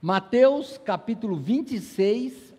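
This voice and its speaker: High-voiced São pastor, echoing hall. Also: male voice, extremely slow, husky. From São Paulo, Brazil. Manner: animated preaching with rhetorical questions. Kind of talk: sermon. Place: church sanctuary. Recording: long church-hall reverb.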